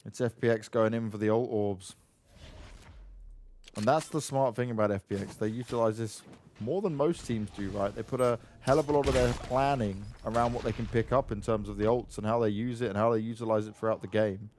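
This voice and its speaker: A man casting an esports match play by play, getting sharply louder and higher on big plays. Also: brisk, slight background noise. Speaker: esports caster. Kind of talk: play-by-play commentary.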